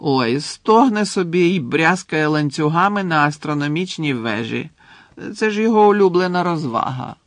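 A man doing a chatty high ghost. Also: expressive, normal speed, no room sound, natural voice. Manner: chatty, eager. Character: chatty male ghost, cheerful and gossipy.

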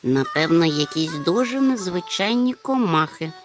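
A woman voicing a slow-witted, mild-mannered male creature obsessed with rare insects, who mutters to himself. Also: on the low side, animated, soft background music, lightly acted. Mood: pedantic.

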